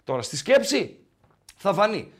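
A man co-hosting a sports live stream, reading viewer messages aloud in an animated, joking, emphatic way while a bit under the weather. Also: high-pitched. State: slightly sick.

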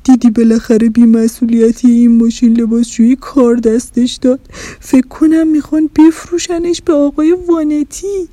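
A woman's voice: on the high side, fairly even intonation, warm tone, dry recording, lightly acted. A woman voicing a tall refrigerator, a loyal friend who speaks in a glum, sorrowful way.

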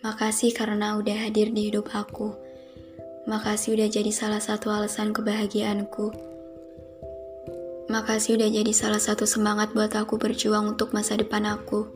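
A young woman hosting a podcast, speaking a slow, soft and heartfelt reflective monologue. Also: mid-range voice, monotone. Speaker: podcast host. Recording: music playing behind the voice.

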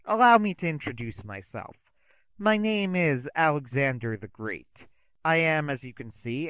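A man's voice: mid-range voice, fairly bright tone, clean tone, dry recording, natural voice, poor audio. A man voicing a smug, theatrical male magician villain in an audio story, speaking with grand showman flourishes.

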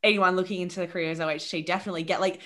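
A woman's voice: fairly low pitch, steady tone, very fast, fairly bright tone. A woman hosting a casual interview, asking rambling questions and agreeing often. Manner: encouraging, many agreeing murmurs. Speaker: podcast host.

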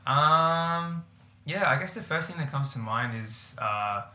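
A man's voice: fairly high pitch, animated, measured pace, sharp tone. A man in his twenties, a podcast guest, talking casually and hesitantly with many ums. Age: 20s. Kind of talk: casual chat. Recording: echoey room.

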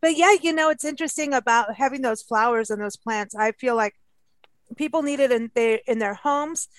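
A woman's voice: fairly high pitch, moderate pace, no room sound. A woman from South Africa co-hosting a video call interview, playful and jokey. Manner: playful and jokey, laughing often. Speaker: co-host. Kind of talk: casual interview chat.

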